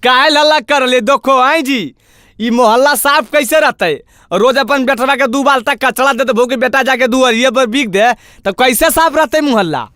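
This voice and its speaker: A man's voice: very high-pitched, normal speed, bright, forceful tone, no room sound, clean studio sound. A man with a Magahi accent acting in a village comedy skit, scolding and exclaiming at the people around him. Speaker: comic actor and singer.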